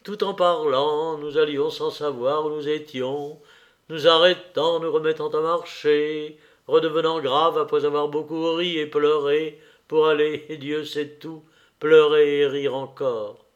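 A man narrating a literary novel aloud in an expressive, measured, emotional way. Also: fairly high pitch, lo-fi sound. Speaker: audiobook narrator.

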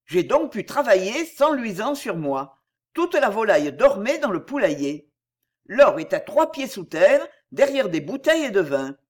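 Blunt condemned murderer, read by a narrator, confessional, animated pitch. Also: a little slow. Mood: confiding. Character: male murderer, devoted to his gang boss.

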